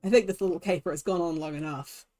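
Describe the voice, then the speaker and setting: A woman's voice: fairly low pitch, quick pace, voice pushed down, natural voice. Game villain played by a woman: boy-bodied mastermind, pompous, condescending, theatrical monologues, light music beneath. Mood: smug, grandiose. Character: pompous, scheming villain mastermind in a boy's body. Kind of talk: dramatic read-aloud of game dialogue.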